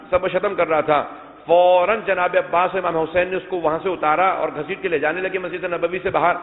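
A man delivering an emotional mourning sermon, telling narrations and addressing the congregation directly. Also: high-pitched. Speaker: Shia preacher. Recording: echoey hall, tinny phone-like sound.

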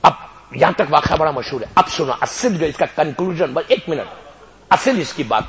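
A male preacher tells a sacred story to a live gathering with full theatrical force. His high voice swoops widely, sinking to a hush and then rising to a shout, with English phrases dropped into the sermon. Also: expressive. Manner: theatrical, swings between hushed and shouted, drops English phrases. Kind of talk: dramatic religious sermon storytelling. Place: religious gathering before an audience.

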